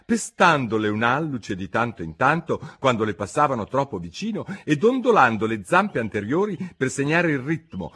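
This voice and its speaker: A man reading a storybook aloud in an expressive, theatrical, unhurried way. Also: mid-range voice, breathy edge. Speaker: narrator, translator reading his own translation. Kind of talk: audiobook reading.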